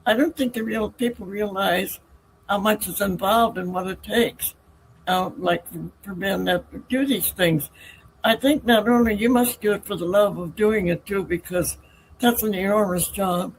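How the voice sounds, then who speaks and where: A woman's voice: medium pitch, measured pace, slight background noise, poor audio. A woman hosting an interview, effusive and chatty with her guests. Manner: warm, effusive, laughs along with guests. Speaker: talk show host. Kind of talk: casual interview chat.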